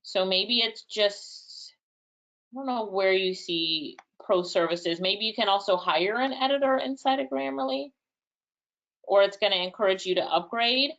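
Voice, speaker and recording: A woman with a Jamaican accent runs a live online workshop, answering chat questions casually and thinking out loud with light laughs. Her mid-range voice is a little slow and a bit bright, and the recording sounds muffled.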